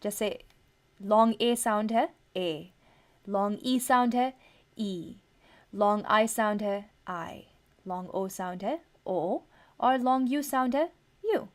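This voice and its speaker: Very slow-speaking woman teaching vowels. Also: mid-range voice. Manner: slow, deliberate, repeats each sound. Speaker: English teacher. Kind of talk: pronunciation lesson.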